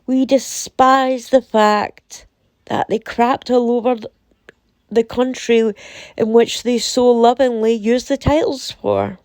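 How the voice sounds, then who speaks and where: Woman from the UK, sore throat, creaky voice in a dry recording; opinionated, emphatic casual commentary. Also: a little high, fairly even intonation, a little mellow, dry recording. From United Kingdom. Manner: deliberate, emphatic, repeating phrases for effect. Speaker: commentator reading and reacting to a website.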